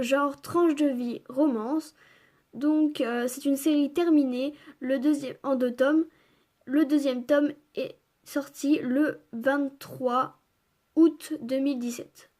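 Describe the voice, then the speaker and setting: A woman's voice: high voice, mellow. A young woman chatting casually about her manga purchases, reading blurbs aloud, with many fillers and gushing remarks. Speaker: manga haul vlogger.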